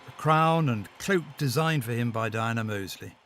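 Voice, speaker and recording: A man reading a scripted news documentary voice-over in a measured, deliberate way, pausing for effect. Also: mid-range voice, expressive, fairly bright tone, a little hiss or hum. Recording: music and crowd under voice-over.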